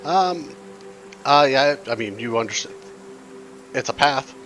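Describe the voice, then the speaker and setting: A man's voice: medium pitch, animated, unhurried, a bit bright, faint music behind. A man running a tabletop game as game master, chatting loosely and narrating scenes with frequent laughs.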